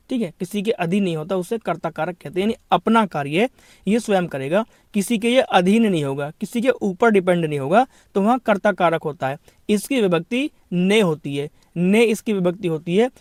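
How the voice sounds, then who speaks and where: Man, high-pitched, grammar teacher, exam coaching, repeats points, asks own questions, dry recording. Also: dry recording. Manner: explains then repeats each point, asks and answers his own questions; addresses students as brother. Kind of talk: exam-prep grammar lesson.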